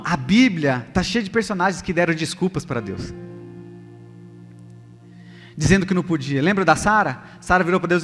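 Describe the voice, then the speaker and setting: With a fairly high pitch and a slightly bright quality, a Brazilian-accented pastor gives a live sermon in a large church hall. He is emphatic, repeats his points, and directs rhetorical questions at the congregation. Music sits underneath a long hall reverb.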